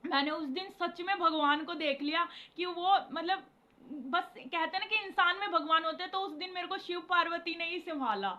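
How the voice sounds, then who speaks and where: High, bright young woman telling her story. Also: moderate pace, muffled recording. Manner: rambling, emotional, repeats herself often; addresses viewers as guys. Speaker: vlogger. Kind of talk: casual personal storytelling to camera.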